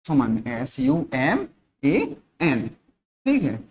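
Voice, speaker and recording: A man from India teaching a spoken-English lesson. He asks and answers his own questions, repeats words slowly, and keeps checking in with his students. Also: medium pitch, huge pitch swings, darkish tone. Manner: frequent checking-in tag phrases.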